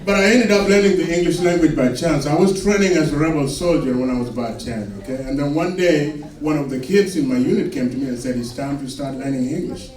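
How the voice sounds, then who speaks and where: A man from Sudan with a Sudanese accent doing a stand-up comedy set on a club stage, delivering his punchlines slowly and deadpan. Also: on the high side, distant mic. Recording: echoey club recorded from afar with laughing crowd. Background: audience laughter.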